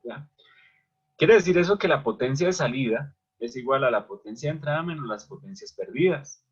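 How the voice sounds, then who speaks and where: A man's voice: mid-range voice, animated, moderate pace, slightly rough. A man teaching an electrical machines class who keeps asking questions and answering them himself. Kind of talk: online lecture at a whiteboard. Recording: dull lo-fi recording.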